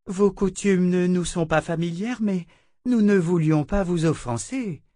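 A man's voice: high-pitched, a little slow, warm tone, no echo, clean studio sound, pitched above the performer's own voice. A man voicing a stern, insistent woman of a magical religious order in a storybook reading, speaking with cool gravity. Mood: solemn, placating. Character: stern female sister of a sorcerous order.

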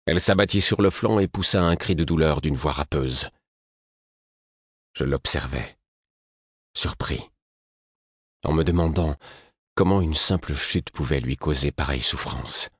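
A man reading a story aloud as an audiobook narrator, in a measured, somber way. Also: rumbling low, slightly rough, no room sound, clean studio sound. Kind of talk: scripted narration.

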